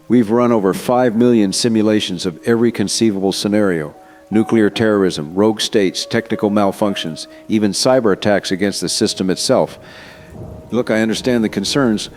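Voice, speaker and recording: In an audio drama, a man with a fairly low, slightly mellow voice plays a confident, earnest scientist who built an AI system and is being interviewed as an expert. He speaks at a normal speed, lightly acted, explaining himself assuredly and persuasively over faint background music.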